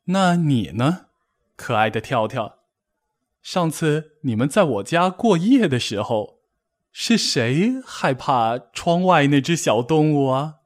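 A man voicing a kindly old female bear in a storybook, speaking in a gentle, soothing grandmotherly way. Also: a little high, animated, slow pace, voice pushed up.

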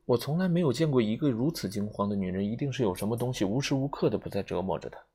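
A man's voice: medium pitch, expressive, mellow, slightly rough. A man reading an audiobook, voicing a nervous young man who stammers and loses his composure. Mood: anxious. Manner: stammering, halting, rising panic.

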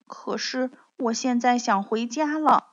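A woman's voice: fairly high pitch, measured pace, lightly acted. A woman voicing a cheerful, friendly little country mouse that sounds eager and welcoming. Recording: dull lo-fi recording.

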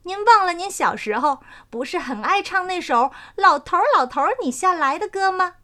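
A woman's voice: very high-pitched, animated, normal speed, pushed and bright, pitched above the performer's own voice, full character voice. A woman voicing a chirpy dandelion spirit. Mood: proud.

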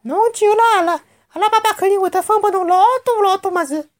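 A storyteller voicing small, excitable wolf cubs in a squeaky childlike voice with a Shanghainese accent. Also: quick pace. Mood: eager.

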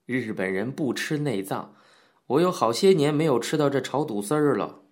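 A man voicing a polite, gentle middle-aged man in an audiobook reading. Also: mid-range voice, expressive, moderate pace, natural voice. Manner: polite, gentle, soft-spoken. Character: courteous middle-aged man living in Japan, soft-spoken. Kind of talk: audiobook character voice.

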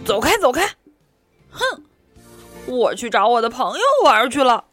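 A loud, high-pitched young anteater boy, as a woman reads him aloud in a storybook, bossy and boastful, forever scolding his little brother. The voice leaps up and down with a lot of swing. Soft music plays under it. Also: big pitch swings, unhurried. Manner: shouting, scolding, panicky. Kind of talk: children's storybook reading.

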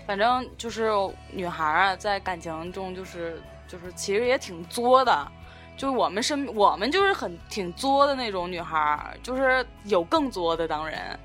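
A woman's voice: mid-range voice, animated, moderate pace, a bit bright, faint music behind. A woman hosting a casual podcast chat, prompting the others with questions and teasing.

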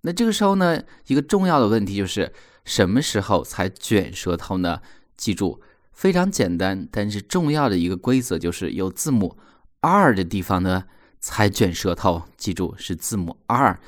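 A man teaching English pronunciation in a recorded lesson, explaining patiently and repeating example words slowly. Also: lowish voice, sing-song.

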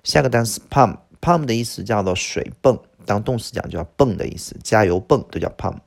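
A middle-aged man teaching English vocabulary, stumbling over filler words and slowly repeating each word he teaches. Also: on the low side, lively intonation, vocal fry. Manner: lots of "这个" filler, drawn-out slow repeats of words. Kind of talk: vocabulary lesson.

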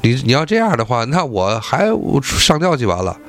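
A man voicing an indignant, chaste young woman who protests loudly in a story he is retelling. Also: sing-song, moderate pace. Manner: protesting loudly, raised pitch.

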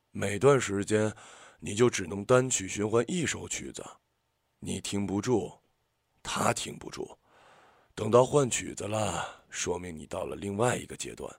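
A man voicing a calm, wise older man who explains things quietly and reflectively. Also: lowish voice, gravelly, dry recording, clean studio sound.

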